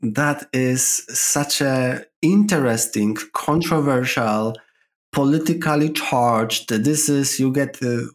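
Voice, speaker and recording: Speaking slowly in a mid-range voice, a podcast guest from Poland with a Polish accent lays out his views through examples. The conversation is a casual interview held over a remote call.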